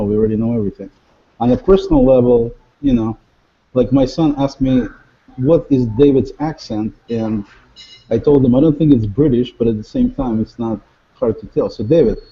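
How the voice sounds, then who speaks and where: Man, joking, teasing, gravelly voice, muffled call audio. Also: medium pitch. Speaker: panel host. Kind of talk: casual video call chat. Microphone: video call. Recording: dull lo-fi video call audio.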